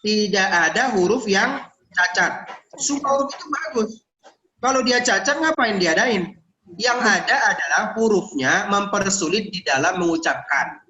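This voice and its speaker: An Indonesian man teaching Arabic grammar in an online university lecture, lively and teasing, drilling his students with questions. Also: sits high, measured pace. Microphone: video call. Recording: echoey room, dull lo-fi sound.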